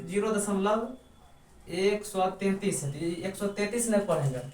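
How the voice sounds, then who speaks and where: A man with a high-pitched voice teaches math at a board, walking through each step and answering the questions he puts to the class. His voice comes from some way off the mic and rings around an echoey room, with faint noise behind it. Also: far from the mic. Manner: asks the class questions and answers them himself. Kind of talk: step-by-step blackboard math lesson.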